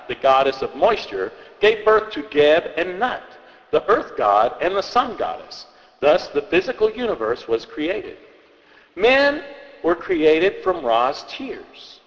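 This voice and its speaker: A man rambles through old folk tales, stumbling and restarting his sentences as he goes. His voice is bright and lively, and a long hall reverb trails behind it. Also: on the high side. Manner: rambling, hesitant, with many restarts and fillers. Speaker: storyteller. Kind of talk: comic storytelling, reading folk tales aloud.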